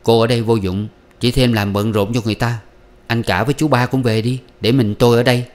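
Man reading a calm, reassuring young man. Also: medium pitch, brisk, close to an everyday voice. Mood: stern.

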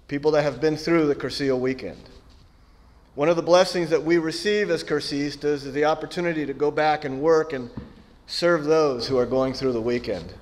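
A middle-aged man, a lay church member, reading a prepared announcement steadily from a lectern in a church. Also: fairly high pitch.

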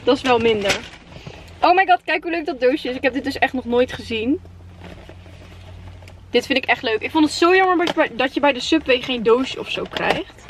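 A young woman with a Netherlands Dutch accent and a high voice chats casually for a vlog. She is excitable and exclamatory, mixing in English slang. The recording is made in a car with faint background noise. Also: normal speed, rough recording. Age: 20s. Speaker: vlogger. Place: inside a parked car at night.

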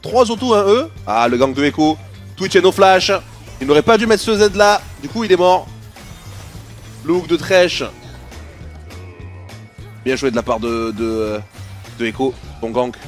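A young man commentating a video game replay as a streamer, fast and slangy, dropping to mutters and then bursting into shouts. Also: a little high, animated, soft background music.

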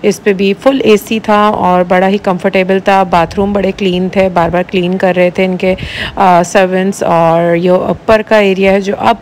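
Chatty young woman vlogger, faint noise. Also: medium pitch. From Pakistan. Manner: chatty, relaxed, with many "uh" pauses. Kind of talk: casual travel vlog narration.

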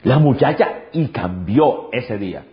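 A male pastor preaches a sermon emphatically, repeating phrases and firing rhetorical questions at the congregation. His medium-pitched voice is animated and a little slow, captured on a dull lo-fi recording.

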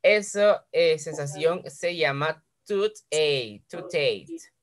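A woman with a low voice teaches English vocabulary to a group of children. She is patient, repeating each word slowly and encouraging the class with frequent praise. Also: animated. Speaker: primary school English teacher.

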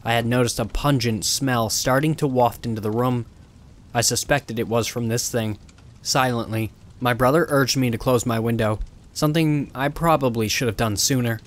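A man's voice: mid-range voice, normal speed. Man narrating a horror story. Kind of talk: scripted first-person horror narration.

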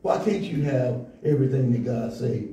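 A man preaching a sermon from the pulpit in rhythmic call-and-response style, building to shouts. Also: medium pitch, expressive, normal speed, recorded from a distance, slight background noise. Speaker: pastor. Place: church sanctuary, indoors, at a pulpit. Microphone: stand mic at the pulpit, filmed from a far camera. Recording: echoey church room, heard from afar.

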